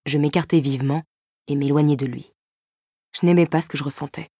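Female audiobook narrator, low and even, dry studio read. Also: a little fast, husky, no echo. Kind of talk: first-person novel narration.

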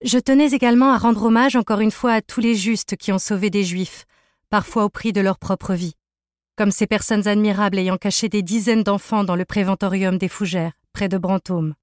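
A woman reading a novel aloud at a middle pitch, steady and measured. Her voice is recorded close and dry, with no room sound. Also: no echo. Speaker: audiobook narrator. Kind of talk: scripted narration.

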